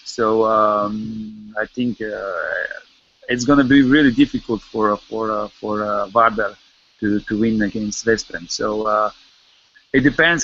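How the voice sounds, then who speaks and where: A man's voice: on the low side, fairly bright tone. A man speaking hesitantly, repeating words, as a panelist in a casual discussion. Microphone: video call. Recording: muffled online call audio.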